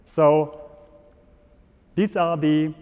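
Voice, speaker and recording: Slow-paced German-accented man in an echoing hall. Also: a little high, a little mellow, smooth. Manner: halting non-native phrasing. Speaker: fencing instructor. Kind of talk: instructional demonstration, explaining step by step. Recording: echoey hall with long reverb.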